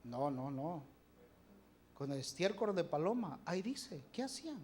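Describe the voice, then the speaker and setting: Animated preacher questioning the congregation. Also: mid-range voice, a little slow, slight background noise. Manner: animated, shifting loudness. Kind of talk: sermon. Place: church.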